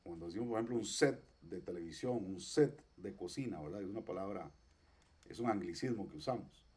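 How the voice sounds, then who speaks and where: A man teaching a class, patiently explaining pronunciation and repeating each example slowly. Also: low voice, darkish tone. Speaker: Hebrew teacher. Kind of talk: online class.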